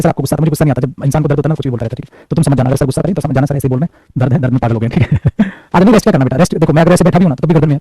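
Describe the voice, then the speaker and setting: A young man with a mid-range, dark voice and a breathy edge is teaching a live online class, chatting, teasing and scolding his students as he jokes with them. His neck is sore, and the recording is dry.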